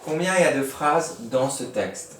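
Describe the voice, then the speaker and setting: Patient teacher in an echoey room. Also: male voice, mid-range voice, lively intonation, a bit bright, slight background noise. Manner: patient, slow, spells out each step. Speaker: primary school teacher. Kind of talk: recorded lesson for young pupils. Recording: echoey room, mic at a distance.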